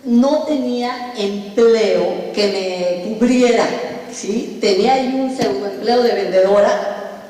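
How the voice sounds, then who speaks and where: A woman tells her own story from a stage, lively and quick to laugh at herself. Her voice sits a little high. It rings through a big echoing hall from a distant mic, with a faint hiss underneath. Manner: animated, self-mocking storytelling. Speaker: speaker at a business event. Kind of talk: personal story told on stage.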